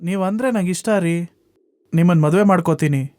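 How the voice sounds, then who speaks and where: A man's voice: high-pitched, brisk, darkish tone, no echo, close to an everyday voice. An actor playing a tearful young man who keeps begging a woman to marry him, in a web series drama. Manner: pleading, repetitive. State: crying.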